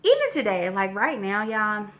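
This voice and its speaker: A woman's voice: medium pitch, big pitch swings, normal speed. A woman in her forties chatting casually to her viewers in a storytelling vlog, slightly winded and often checking in with "okay?" and "you know". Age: 40s. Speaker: vlogger.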